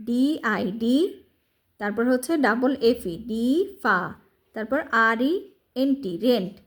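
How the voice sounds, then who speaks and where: A woman tutoring English reading, spelling each word letter by letter and asking herself how it is pronounced before answering. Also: fairly high pitch. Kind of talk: spelling and sounding out words for a lesson.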